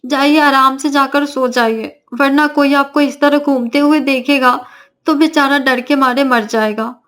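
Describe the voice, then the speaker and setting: A woman's voice: sits high, fairly even intonation, measured pace, a bit bright. A woman voicing a lazy, cheeky young daughter-in-law who talks back in a sulky way in a cartoon story. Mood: sleepy. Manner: sulky, backtalking.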